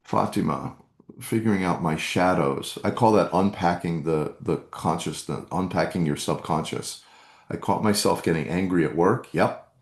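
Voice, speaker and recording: A man's voice: low voice, moderate pace, reverberant. A man hosting a live meditation workshop, coaching earnestly and reading out chat comments.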